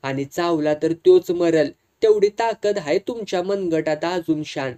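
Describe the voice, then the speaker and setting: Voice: mid-range voice, a little slow, mellow, lightly acted. A reader voicing a chatty, uneasy village barber who coaxes in rural dialect. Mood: coaxing.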